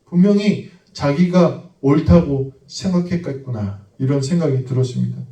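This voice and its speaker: A pastor preaches in a fairly high man's voice, moving from a relaxed story to emphatic preaching. The sound is roomy and echoing, picked up from some distance off the mic, as in a church sanctuary. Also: normal speed. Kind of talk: sermon. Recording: echoey room, mic at a distance.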